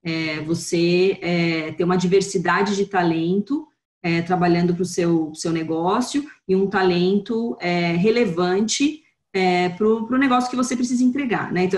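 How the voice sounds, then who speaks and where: A woman's voice: on the low side, reverberant. A woman in her thirties with a Brazilian Portuguese accent, a marketing director speaking as a guest over a video call, thoughtful with many hesitations.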